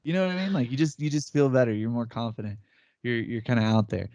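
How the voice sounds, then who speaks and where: A man's voice: mid-range voice, fast talker, darkish tone, no room sound, highs cut off. A man in his thirties co-hosting a podcast, telling stories in casual chat and laughing often as he acts out quotes. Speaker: podcast co-host. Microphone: remote call setup.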